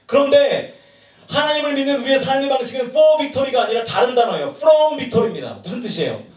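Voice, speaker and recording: Male pastor, sermon, joking and animated, lively pitch, distant roomy recording. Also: normal speed. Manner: animated, humorous, asks the crowd questions. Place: large room at a retreat. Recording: echoey room from far off.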